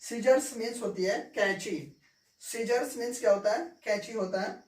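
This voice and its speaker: A woman's voice: fairly high pitch, moderate pace, darkish tone. A woman teaching an English lesson, repeating each point and checking that her students follow. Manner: repeats points, asks "clear?" often. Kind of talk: classroom-style lesson. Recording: echoey room, mic far off.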